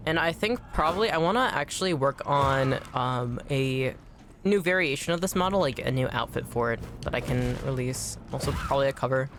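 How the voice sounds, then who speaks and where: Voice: medium pitch, expressive, a little fast, a bit bright, slight background noise. A game streamer chatting casually while playing, rambling and repeating words for emphasis. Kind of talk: casual chat while gaming.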